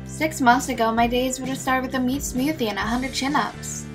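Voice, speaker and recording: A woman's voice: high-pitched, steady tone, normal speed, natural voice. A woman playing a brash, tough schoolgirl vigilante in a comic dub, matter-of-fact and foul-mouthed. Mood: matter-of-fact, proud. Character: brash, tough schoolgirl vigilante, fiercely devoted to late father. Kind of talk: comic dub narration and dialogue. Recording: music behind the voice.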